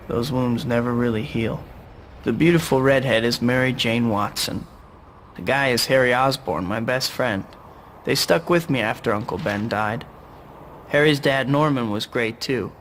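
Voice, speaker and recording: A man's voice: mid-range voice, a little hiss or hum, close to an everyday voice. A young American man playing an earnest, brooding young superhero, solemnly delivering scripted game narration and dialogue. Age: young adult. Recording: loud music behind the voice.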